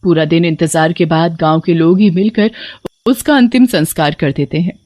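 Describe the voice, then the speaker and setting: A woman narrating an animated horror story in a steady, even storytelling manner. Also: lowish voice, moderate pace, dry recording, clean studio sound. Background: faint music.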